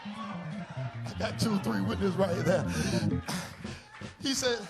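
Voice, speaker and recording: High-voiced shouting preacher, faint music. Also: male voice, expressive, slow, gravelly. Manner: shouting, call-and-response with congregation. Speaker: bishop preaching. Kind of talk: charismatic sermon.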